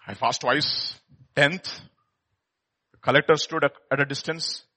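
Indian accent guy preaching, kinda high pitched, sharp bright voice, really emphatic, repeats himself. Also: steady tone, measured pace. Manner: emphatic, dramatic swings, repeating words, asking rhetorical questions. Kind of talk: animated sermon with personal testimony.

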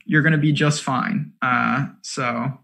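A man co-hosting a fantasy basketball strategy show, talking casually in quick, animated bursts with lots of fillers. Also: mid-range voice, vocal fry. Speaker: co-host of a fantasy sports show. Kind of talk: casual analytical chat.

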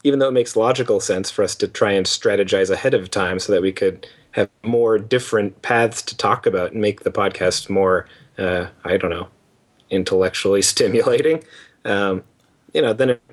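A young man with a Canadian accent speaks at a fairly low pitch and moderate pace. He co-hosts a casual gaming podcast, chatting in a laid-back, rambling way.

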